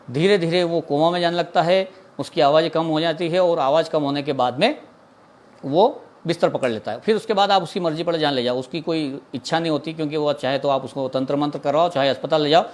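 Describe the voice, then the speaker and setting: A man from India, a snake catcher, earnestly explaining in an informal talk, repeating himself and mixing in English words. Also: on the high side. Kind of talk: informal talk answering a viewer's question.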